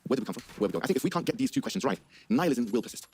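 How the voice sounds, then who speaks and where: A man's voice: medium pitch, lively intonation, rapid-fire, a little mellow, breathy edge. A man from Egypt hosting a stage discussion, eager and repetitive, full of fillers.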